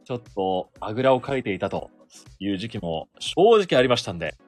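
A man's voice: fairly low pitch, expressive, fairly quick, soft background music. A sports announcer in his thirties hosting a solo podcast, chatting casually and self-deprecatingly about his work. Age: 30s. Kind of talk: casual solo radio-style chat.

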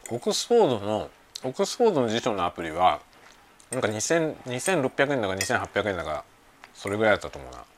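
A low-voiced man chats casually on his lunch break. His pitch is animated and lively as he rambles in a relaxed way. Faint household sounds hang in the background of a home recording. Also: fast, slight background noise. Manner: relaxed rambling talk while eating lunch. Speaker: podcast host. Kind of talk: casual chat. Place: home kitchen with everyday sounds.

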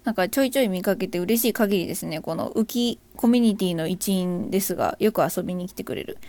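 A woman's voice: medium pitch, fast, mellow, no room sound. A woman hosting a casual live audio stream, greeting listeners by name, reading their comments aloud and joking about herself. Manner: bubbly, self-deprecating, greets listeners by name. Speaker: livestream host.

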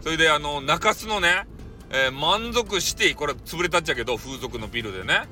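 A man with a Hakata dialect accent chatting casually on his own stream, teasing and jumping in pitch. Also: expressive, sharp tone, faint music behind. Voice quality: teasing, jumpy pitch, drawn-out dialect vowels. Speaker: audio streamer. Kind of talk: casual chat monologue.

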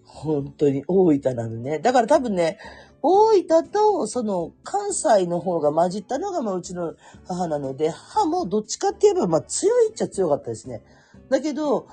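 A woman's voice: mid-range voice, huge pitch swings, fairly quick, warm tone, slightly rough, soft background music. Chatty woman with a Chikugo dialect. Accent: Chikugo dialect of Fukuoka. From Kurume, Fukuoka, Japan. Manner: chatty storyteller, acts out quoted voices, laughs often. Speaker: podcast host. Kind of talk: casual solo talk.

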